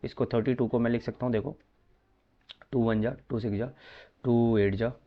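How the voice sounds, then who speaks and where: A man's voice: medium pitch, steady tone, moderate pace, highs cut off. Chatty man teaching maths. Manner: chatty, coaxing, calls students bhai. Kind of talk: online maths lesson.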